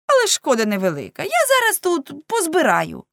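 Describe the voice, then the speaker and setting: A woman voicing a cheeky young male prankster who talks high, quick and mocking. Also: wildly swooping pitch, gravelly, fairly bright tone, no echo, studio quality, exaggerated voice.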